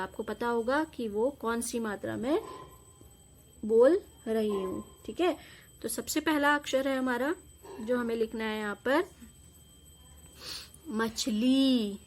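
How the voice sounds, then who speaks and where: A young woman teaching kindergarten children, sounding out each letter and vowel sign slowly, then repeating the whole word, with questions and praise. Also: a little high, a little hiss or hum. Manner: asks questions and praises answers. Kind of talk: slow, spelled-out lesson for young children.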